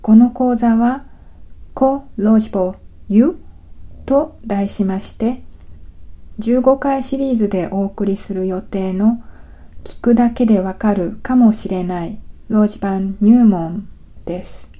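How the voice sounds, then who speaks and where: A woman teaching a language lesson in a careful, scripted narration, slowly explaining sounds step by step. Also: mid-range voice, dark tone. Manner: slow, careful, deliberate explanation.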